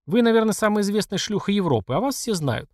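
A man's voice: high voice, sing-song, fast talker, no room sound, clean studio sound, pitched above the performer's own voice. A man voicing a scandalized military adjutant who speaks overly politely and insistently. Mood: indignant. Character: stiff, scandalized male adjutant.

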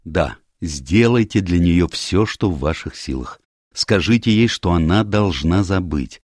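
A man's voice: sits low, animated, measured pace, a little mellow, no echo, studio quality. A man doing a desperate, pleading young man. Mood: anguished. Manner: pleading, anguished. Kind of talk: audiobook character voice.

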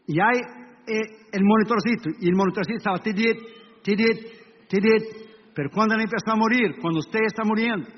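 A male pastor with a high-pitched voice preaches with dramatic emphasis and acts out sounds as he tells the story. His voice echoes through a church hall. The recording is dull and lo-fi, with a faint hiss behind him. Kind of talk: sermon.

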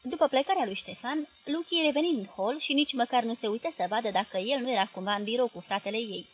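A woman reading a novel aloud as an audiobook narrator, steady and measured. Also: on the high side, muffled recording. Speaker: audiobook reader. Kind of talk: scripted narration.

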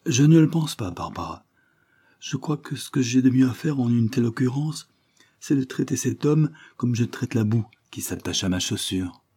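A man reading the lines of a composed lawyer, measured and reassuring. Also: medium pitch, lively intonation, mellow, husky, pitched above the performer's own voice. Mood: firm. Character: composed middle-aged male lawyer, firm and calm.

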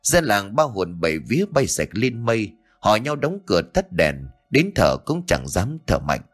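A man tells a ghost story with suspense and drama. His pitch moves in a wide, animated way, and soft music plays faintly underneath. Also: moderate pace.

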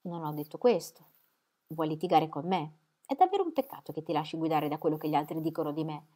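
An idle, proud young man who talks in an easy, slightly sulky way, read by a woman. The voice is low for a woman and kept near her natural reading tone. A storybook reading. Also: animated, fast, mellow. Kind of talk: audiobook reading.

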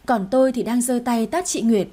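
A woman narrating a story in the first person with steady, even-toned reading. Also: a little high, normal speed.

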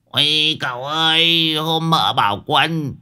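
A man's voice: a little high, takes it slowly, bright, forceful tone, clear, resonant tone, pitched above the performer's own voice, exaggerated voice. A man voicing a grumbling old driver, cursing and stammering. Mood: exclaiming. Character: old grumbling male driver, cigarette in mouth.

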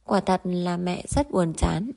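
A woman's voice: on the low side, expressive, slow, gravelly, mellow, heavily acted. A woman reading the lines of a bored, playful young wife and mother. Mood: plain.

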